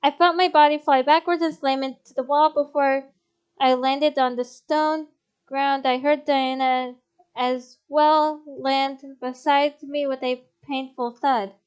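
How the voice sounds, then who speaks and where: Young female streamer, high voice, expressive narration, blunt asides. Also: unhurried, lo-fi sound. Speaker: game streamer. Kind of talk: reading a visual novel aloud.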